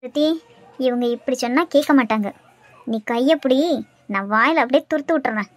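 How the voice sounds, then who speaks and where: A bossy cartoon daughter-in-law, voiced by a woman, firm and scolding in a Kanyakumari Tamil accent. Her voice is high, and the sound is dry and close. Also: moderate pace, dry recording, natural voice.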